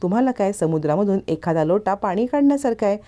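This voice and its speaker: A woman's voice: medium pitch, expressive, fast talker, mellow, pitched above the performer's own voice, natural voice. A woman voicing a manipulative hired schemer who talks in a brash, demanding way.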